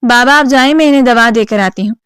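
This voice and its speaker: Soft, pleading young woman, as a narrator reads her. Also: on the high side, clear, resonant tone, no echo, studio quality, lightly acted. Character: gentle, pleading young woman of twenty-one.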